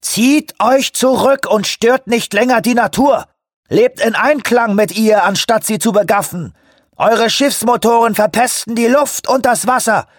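A man voicing a huge, furious male eco-activist who shouts, scorns and preaches. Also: high voice, very animated, moderate pace, breathy edge, dry recording, studio quality, voice pushed up, exaggerated voice. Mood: preaching.

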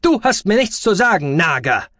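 Shrill, domineering alien medic, read by a man, barking orders, dry studio sound. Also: normal speed, dry recording. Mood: furious. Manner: loud, scolding, clipped. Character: shrill agitated male alien doctor, imperious.

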